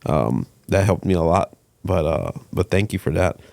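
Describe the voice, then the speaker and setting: Low-voiced man, halting and laughing. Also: expressive, creaky, darkish tone, no room sound. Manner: halting, laughs between thoughts. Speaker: podcast host and comedian. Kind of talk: casual podcast conversation.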